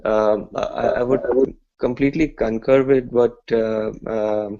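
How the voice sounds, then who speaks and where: A man giving a reflective religious commentary in a hesitant, measured way over an online group call. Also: mid-range voice, steady tone, warm tone. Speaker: discussion participant. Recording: dull lo-fi online call audio.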